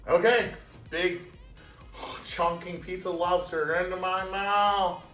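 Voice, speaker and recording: A man's voice: sits high, fairly even intonation, takes it slowly, pushed and bright. Self-deprecating man hosting a cooking vlog. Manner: self-deprecating, chatty, talks while eating. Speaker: cooking show host. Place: home kitchen. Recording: roomy kitchen, mic at a distance, music.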